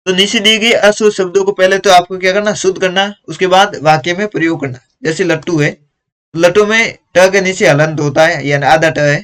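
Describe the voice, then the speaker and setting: A man's voice: fairly high pitch, fairly bright tone. A male teacher patiently going through workbook exercises step by step, explaining corrections. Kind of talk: workbook lesson walkthrough.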